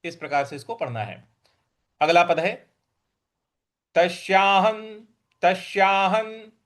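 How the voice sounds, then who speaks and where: A man teaching verse recitation, chanting lines slowly and then explaining pronunciation in quick asides. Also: on the high side, big pitch swings, fairly bright tone. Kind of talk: Sanskrit recitation lesson.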